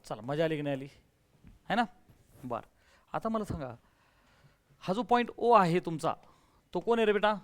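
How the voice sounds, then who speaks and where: A man teaching a maths class in a classroom, energetic, firing questions at students and urging them to answer loudly. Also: high voice, moderate pace, long pauses. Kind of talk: classroom lecture with call-and-response.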